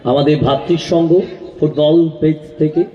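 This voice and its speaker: A man with a West Bengal Bengali accent offers conversational co-commentary on a football match. His fairly high voice comes through a dull, echoing sound system outdoors. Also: measured pace, mellow.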